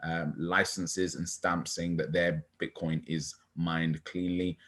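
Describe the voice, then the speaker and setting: A man's voice: low-pitched, flat delivery, takes it slowly, fairly bright tone. A British man hosting a finance channel, chatting casually about investing and reeling off long lists of company names. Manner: rattles off long lists, laid-back and chatty.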